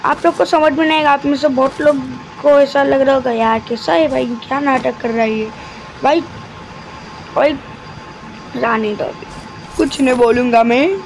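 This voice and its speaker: A man giving live commentary over his mobile game, talking deliberately quiet and chatty, constantly addressing his viewers. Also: extremely high pitch, creaky, a little hiss or hum, poor audio. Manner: talks deliberately quiet and soft; chatty, keeps addressing viewers as guys and brother.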